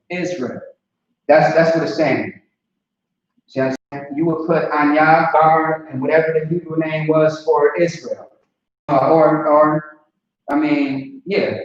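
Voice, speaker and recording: A chatty male language teacher gives a casual online lesson, going over points repeatedly and frequently checking understanding. He sounds distant and boomy, recorded on a lo-fi mic in a very echoey room.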